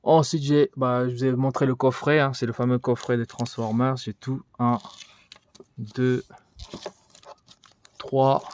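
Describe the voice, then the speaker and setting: A man's voice: mid-range voice, a little mellow, a little hiss or hum. A man giving a casual vlog tour of his collection, rambling and thinking aloud with many fillers. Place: indoors in a collection room.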